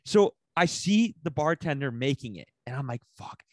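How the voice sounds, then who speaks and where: A man co-hosting a casual podcast, telling a rambling, animated story full of slang and swearing. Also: medium pitch, normal speed, dry recording. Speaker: podcast co-host.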